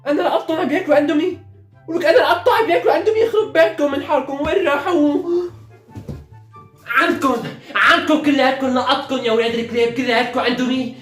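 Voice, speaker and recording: A man voicing a bossy, scolding middle-aged mother in a comedy sketch, ranting fast at her kids. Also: very high-pitched, a bit bright. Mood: furious. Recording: roomy echo, faint background music.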